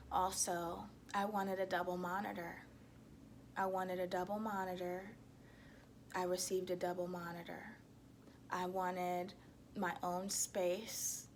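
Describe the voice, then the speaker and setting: A woman giving a reflective self-help monologue to viewers, speaking in a deliberate, halting way with emphatic repetition. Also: on the low side, slight background noise.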